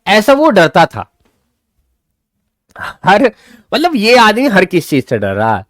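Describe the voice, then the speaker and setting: A young man teaches an online class, going from lively explanation to slow, careful reading of lines. His voice sits somewhat high. The sound is dry and close, with no room behind it. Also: dry recording. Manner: animated, reads English lines slowly then explains them. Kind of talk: online class explaining an English story in Hindi.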